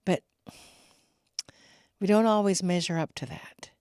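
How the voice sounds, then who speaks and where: A middle-aged woman giving an inspirational spiritual talk, slow and reflective, with laughs between her stories. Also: medium pitch, fairly even intonation, darkish tone, smooth, no echo, studio quality.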